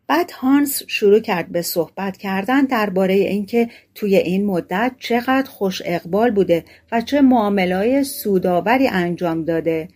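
A woman narrating a fairy tale audiobook in a calm, steady storytelling manner. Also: mid-range voice.

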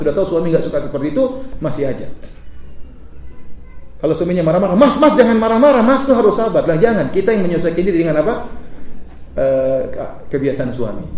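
A middle-aged man preaching a sermon to a live audience, lively and humorous, often asking the crowd questions. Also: fairly high pitch, a little hiss or hum. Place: lecture hall with audience. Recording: echoey hall, mic at a distance.

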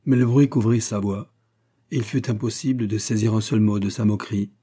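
A man reading a classic novel aloud as audiobook narrator, measured and literary. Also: on the low side, fairly even intonation, dark tone. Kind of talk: scripted narration.

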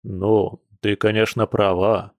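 An easygoing bear-shifter man with a dark, mellow voice, grumbling good-naturedly, as the narrator reads him. The recording is dry and close. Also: on the low side, a little slow, dry recording. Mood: relaxed. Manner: relaxed, grumbling.

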